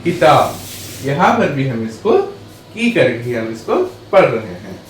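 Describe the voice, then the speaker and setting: A man's voice: mid-range voice, big pitch swings, measured pace. A man teaching a lesson who asks questions and answers them himself, repeating his phrases. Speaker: English teacher. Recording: echoey room, far from mic, faint noise.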